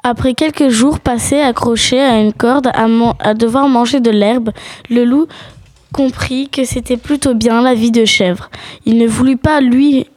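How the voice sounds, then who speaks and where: A woman narrates a storybook tale as its storyteller. Her voice sits fairly high, and the sound is close and dry, free of room echo. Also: darkish tone.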